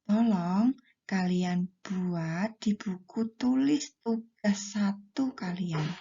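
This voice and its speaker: Woman, primary teacher; slow, mellow delivery with a husky edge, over a dull lo-fi recording. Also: medium pitch. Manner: slow, deliberate explaining to pupils. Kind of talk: classroom lesson for children.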